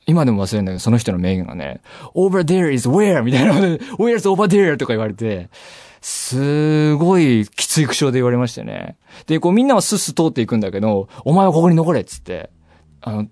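A man's voice: medium pitch, darkish tone, dry recording, clean studio sound. A man hosting a radio show, telling a story in a chatty, self-deprecating way. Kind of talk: casual radio monologue. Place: radio studio. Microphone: studio microphone.

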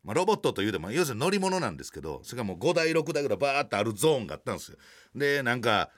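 Fast, lively Kansai man telling a story. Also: mid-range voice. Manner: animated, acts out other people's lines in exaggerated voices. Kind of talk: comic anecdote, casual talk.

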